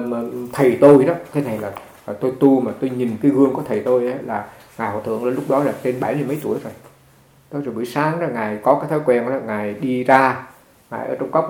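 Male monk, mid pitch, easygoing storytelling sermon, roomy echo. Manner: conversational, repeats words, animated when retelling. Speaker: Buddhist monk teacher. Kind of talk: dharma talk with storytelling. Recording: echoey room.

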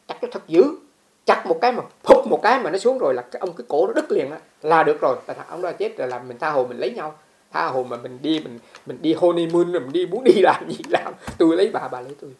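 A woman telling a Buddhist teaching story in an animated way, often repeating words. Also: on the low side. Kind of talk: storytelling dharma talk.

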